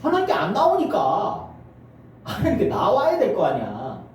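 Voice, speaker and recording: A middle-aged male pastor preaching a sermon, animated and acting out family scenes in character voices. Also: sits high, normal speed. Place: church sanctuary. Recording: echoey church from far off.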